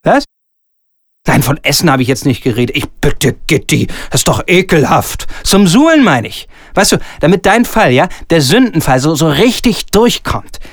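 A man reading aloud and voicing a pompous, bullying theatre director who swings between sugary coaxing and shouting. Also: a little high, big pitch swings, moderate pace, no echo, studio quality. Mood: ranting, wheedling. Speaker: stage director. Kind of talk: solo reading of a comic radio scene.

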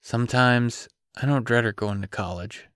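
A male narrator voicing a wary, dry-humored single father in an audiobook, speaking softly and dryly. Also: mid-range voice, normal speed, dry recording, lightly acted. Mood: guarded. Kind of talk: audiobook character reading.

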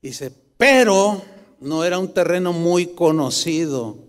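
A middle-aged man preaching a sermon as pastor, animated and rising to emphatic bursts. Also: sits high, slow. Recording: long church reverb.

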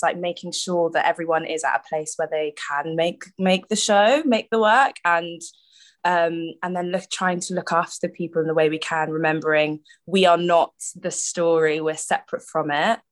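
Slightly low-voiced woman, informal and reflective. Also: steady tone, moderate pace. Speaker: theatre director being interviewed. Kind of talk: conversational interview answers.

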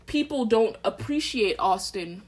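A young woman from Texas with a Southern American accent, co-hosting a casual podcast chat and getting animated. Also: measured pace, slight background noise. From Texas, USA. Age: young adult. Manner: animated, swings up high when riled. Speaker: podcast co-host.

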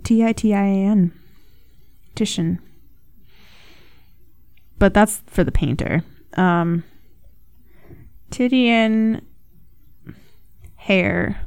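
A woman's voice: mid-range voice, animated, measured pace, a little mellow. Rambling, swearing young woman podcaster. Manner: rambling, profane, self-mocking. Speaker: podcast host. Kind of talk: casual solo podcast chat.

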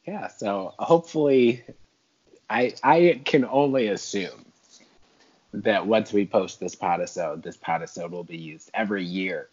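A man chatting as a podcast guest, with dry, deadpan joking. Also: fairly low pitch, unhurried, breathy edge, highs cut off. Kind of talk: casual chat.

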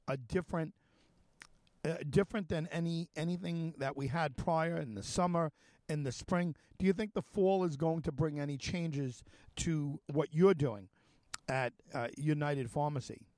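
Man, talk show host, slightly high voice, halting, lots of ums and restarts, dry close sound. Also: darkish tone, no echo. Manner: halting, many fillers and restarts. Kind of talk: casual interview chat.

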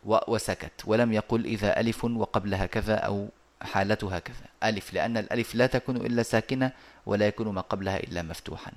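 A man teaching a lesson over a video call, explaining step by step and pausing often on drawn-out hesitations. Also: fairly low pitch. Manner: measured and methodical, with frequent drawn-out hesitations.

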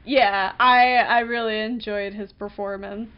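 A woman's voice: mid-range voice, steady tone, unhurried, clear, resonant tone, dull audio. A woman co-hosting a casual podcast chat, hesitant with many fillers and breaking into giggles. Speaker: podcast co-host.

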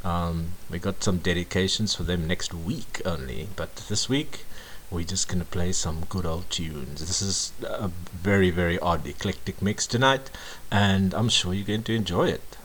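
A man hosting a pirate radio broadcast, presenting a music show in a drawn-out, deliberate announcer patter. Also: low voice, a bit bright, slight background noise.

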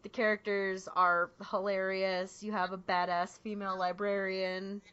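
A woman's voice: medium pitch, flat delivery, measured pace, a bit bright, clean tone. A woman co-hosting a casual movie podcast, talking animatedly and laughing often. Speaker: podcast co-host. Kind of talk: casual chat about movies. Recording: slightly dull lo-fi audio.

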